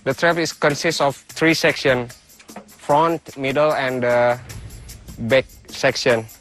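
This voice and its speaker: A man in a nature documentary explaining his field work outdoors in simple, halting phrases. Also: mid-range voice, a bit bright, soft background music.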